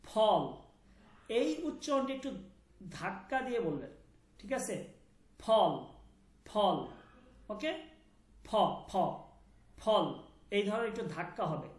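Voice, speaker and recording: A man's voice: sits high, lively intonation, takes it slowly, long pauses. A man teaching an online language class, patiently repeating sounds and checking that students understand. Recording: roomy echo.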